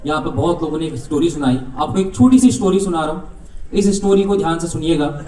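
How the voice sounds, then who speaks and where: A man's voice: a little high, quick pace, mellow, slight background noise. A man giving a motivational speech as a university representative, telling a story and repeating a catchphrase, in an event hall. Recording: echoey hall from far off.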